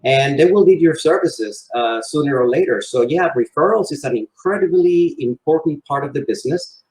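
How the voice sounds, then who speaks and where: Animated and a little mellow, his fairly high voice moves at a moderate pace. He is a real estate salesman from Venezuela and Spain, a native Spanish speaker, answering interview questions conversationally in an echoing, roomy space.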